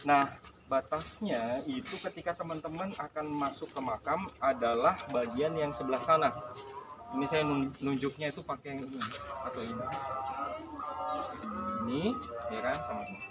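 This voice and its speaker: A tour guide leads a group around a historical cemetery and bathing pool, explaining things conversationally and checking in with his listeners. His voice is medium in pitch and moderately paced. The live recording is noisy, echoey and distant.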